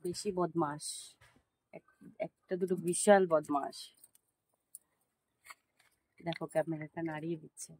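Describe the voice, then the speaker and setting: A woman films a casual home vlog outdoors behind her house on a handheld phone. She chats to the animals and to her viewers, scolding them gently, and often keeps her voice low so the neighbours won't complain. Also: fairly even intonation, measured pace, pauses often, slightly rough. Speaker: vlogger feeding monkeys.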